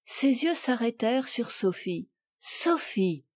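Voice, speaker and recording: A woman reads a children's novel aloud as scripted narration. Her delivery is even and measured, her voice dark and mellow. The recording is dry and close. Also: mid-range voice, no room sound. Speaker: audiobook reader.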